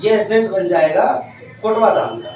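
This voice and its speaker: A male teacher gives a classroom grammar lecture in a fairly high voice. He often pauses to ask whether the class is following. The sound is very echoey and distant, as if the mic is across the room. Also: animated, a little mellow, soft background music. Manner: keeps checking if students understood.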